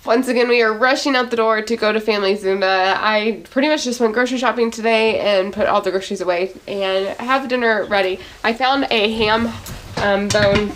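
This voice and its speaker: A woman's voice: mid-range voice, fairly quick. A young woman chatting casually as a mother in a family vlog, talking to the camera and to her children. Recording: loud music and crowd noise behind.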